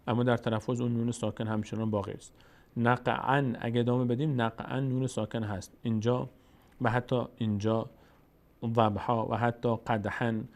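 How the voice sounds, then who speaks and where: A man with a Tajik accent teaching Quran recitation rules, patiently explaining and slowly repeating words to show their pronunciation. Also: medium pitch. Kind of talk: explanatory lesson.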